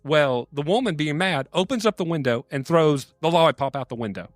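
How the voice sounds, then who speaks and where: A man's voice: a little high, expressive, a little fast, dry recording, soft background music. A man telling long story jokes on a podcast, acting out the characters' lines as he goes.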